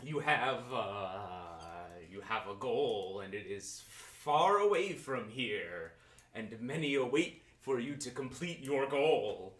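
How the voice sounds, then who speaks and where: A dramatic fortune teller woman played by a man at a game table beckons and prophesies with mystical gravity. The delivery is ominous and drawn out, with a bright tone, heard from a little way off in an echoey room. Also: medium pitch, expressive, slow pace, distant mic. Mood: ominous, trance-like. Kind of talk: tabletop role-play character voice.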